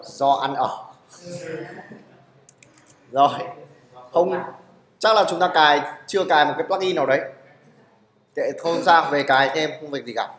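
With a fairly bright voice on the high side, this instructor leads a live coding lesson in an echoey classroom at a moderate pace, pausing often. Over and over he checks on students by asking "được chưa?".

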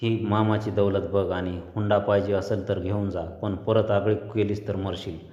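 A man's voice: low voice, flat delivery, moderate pace, dark tone, a little hiss or hum, close to an everyday voice. A man voicing a bold, fierce rebel chief who talks in a commanding way, recorded with a roomy, dull hall reverb.

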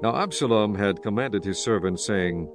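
A man with a lowish voice narrates scripture. His delivery is formal and solemn, like a storyteller, with music underneath. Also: moderate pace. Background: background music.

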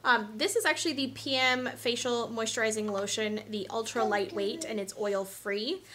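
A woman's voice: a little high, steady tone, normal speed, a bit bright, a little hiss or hum. A young woman chatting casually through her daily beauty products, frank and talkative with lots of ums and side remarks. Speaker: beauty vlogger. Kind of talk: casual product review chat.

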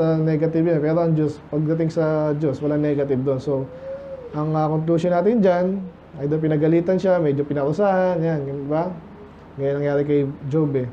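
A man's voice: on the high side, dark tone, highs cut off, a little hiss or hum. A man with a Filipino accent, a pastor preaching in a church, talking with the congregation and asking them questions. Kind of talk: sermon.

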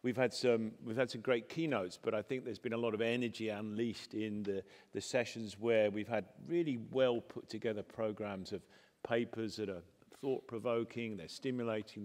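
Guy on a panel in a big hall, headset mic, thoughtful and measured, bit of reverb. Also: lowish voice. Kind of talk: conference panel remarks. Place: large conference hall stage.

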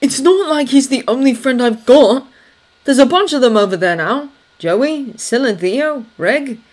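A woman narrator voices a grieving young servant man who speaks in raised, agitated tones, cross and bitter, firing off curt British slang with a sarcastic edge. Her voice is fairly high and pushed up, close to her everyday voice, with lively intonation at a moderate pace.

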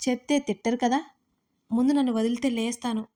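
Woman playing a playful young man, teasing, mock-pleading, fairly high voice, audio storybook. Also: fairly even intonation, fairly quick, dark tone, close to an everyday voice.

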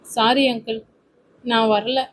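A sincere young bride-to-be speaks politely and pleads softly, voiced by a woman reading a story. The voice sits fairly high. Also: flat delivery, slow, slight background noise, rough recording. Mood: pleading.

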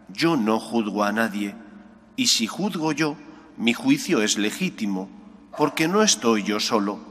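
Middle-aged priest, husky voice, earnest homily, chapel with long reverb, ambo mic. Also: male voice, on the low side. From Spain. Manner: earnest preaching, rising on questions, dropping soft on key words. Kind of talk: gospel reading and homily. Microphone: gooseneck mic on ambo.

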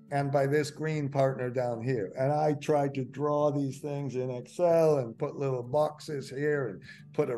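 An older man giving a webinar finance lecture. He rambles, stumbles over fillers and corrects himself, and gets excited now and then. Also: medium pitch. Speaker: finance instructor.

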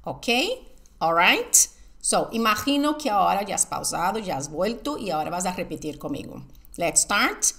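A woman teaching an English lesson, drilling phrases with slow, emphatic repetition and answering her own questions. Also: lowish voice, sing-song, vocal fry, a bit bright. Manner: asks the viewer questions and answers them herself. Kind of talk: online language lesson.

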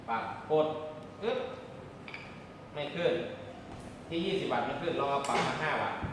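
A man giving a hands-on demonstration lesson as an instructor, explaining politely step by step. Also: a little high. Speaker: radio communications instructor. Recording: very echoey room, background noise.

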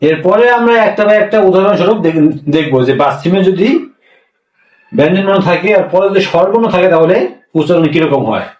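A man with a Bangladeshi Bengali accent and a rather high voice leads a classroom-style language lesson. He explains patiently, step by step, and keeps asking his listeners questions. He sounds a little far from the mic in a roomy, echoing space. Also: brisk, darkish tone. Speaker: language teacher.

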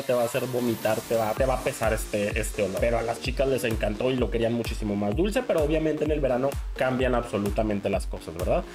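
Chatty Mexican man reviewing perfume. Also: mid-range voice. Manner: chatty and expressive, gestures with his hands. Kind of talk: casual product review. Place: small home room, indoors.

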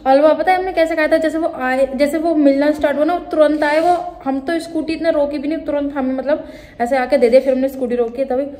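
A woman's voice: high voice, steady tone, fast talker, mellow, echoey room. A young woman chatting casually in a family vlog, often checking "है ना?" with her partner. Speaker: vlogger.

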